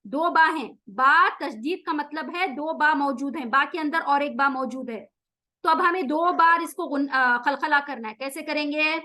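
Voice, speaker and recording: A woman teaching Quran recitation rules, explaining each rule and then chanting the words slowly to show them. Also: high voice, sharp tone. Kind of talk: tajweed lesson with slow recitation.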